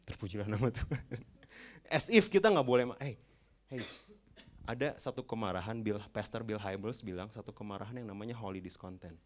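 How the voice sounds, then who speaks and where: A young adult male preacher giving a lively sermon, often asking his listeners questions and dropping English phrases into his talk. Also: lowish voice, fairly quick.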